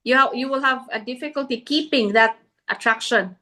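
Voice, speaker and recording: Bright-voiced woman in casual chat. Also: on the high side, moderate pace. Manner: thoughtful, switches between English and Cebuano. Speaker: podcast co-host.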